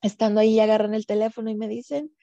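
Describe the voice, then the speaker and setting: A woman telling her personal testimony of faith in a halting way, with repeated words and fillers. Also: a little high, flat delivery, vocal fry, mellow, no room sound, muffled recording. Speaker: guest giving a faith testimony.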